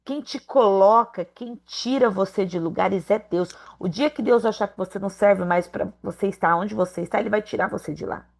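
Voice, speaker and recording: Gravelly-voiced Brazilian woman preaching. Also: moderate pace, hardly any pauses. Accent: Brazilian Portuguese. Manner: lively storytelling, acting out quoted voices with big pitch jumps. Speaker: preacher teaching a Bible lesson. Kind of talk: sermon-style Bible lesson.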